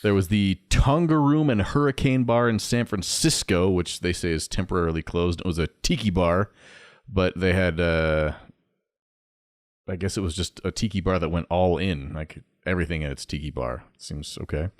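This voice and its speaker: Male podcast co-host, 30s, low voice, wry chatty delivery, dry recording. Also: moderate pace, dry recording. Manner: chatty, wry, reads from a list. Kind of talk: casual podcast chat.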